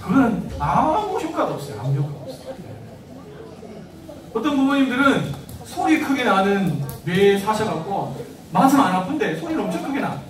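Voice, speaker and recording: High-voiced man preaching in an echoey hall. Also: big pitch swings, moderate pace, crowd noise. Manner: acts out parent and child voices, asks the congregation questions. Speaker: pastor. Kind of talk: sermon to parents. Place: church hall. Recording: echoey church hall, mic at a distance.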